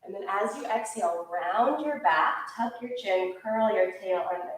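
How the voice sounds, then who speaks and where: A woman teaching a yoga class, calmly and steadily cueing breaths and movements. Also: medium pitch, moderate pace. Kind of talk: guided yoga class instruction. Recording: echoey room, voice from far off.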